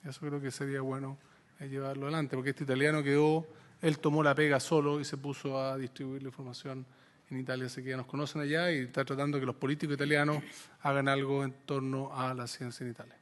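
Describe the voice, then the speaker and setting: A man, a scientist speaking in a committee session, often halting and repeating words as he searches for them. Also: mid-range voice, level tone. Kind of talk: committee discussion.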